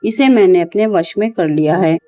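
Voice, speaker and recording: A threatening female spirit in a narrated horror tale, as a woman storyteller puts her on. The voice sits low and dark, with a dry, slightly dull sound and soft music underneath. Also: moderate pace, no room sound, close to an everyday voice. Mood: menacing. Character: vengeful female spirit possessing a man.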